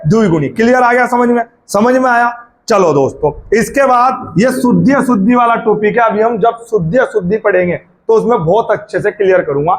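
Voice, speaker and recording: A man teaching as a Hindi tutor, who talks to his student informally and asks and answers his own questions. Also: high voice. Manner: drawls words out slowly to spell out sounds. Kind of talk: classroom-style video lesson.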